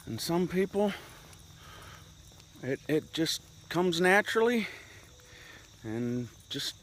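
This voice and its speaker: A middle-aged man rambles reflectively in a casual walk-and-talk vlog, a little winded as he climbs uphill outdoors. His fairly high, fairly bright voice swings widely in pitch and he takes his time, with slight background noise present.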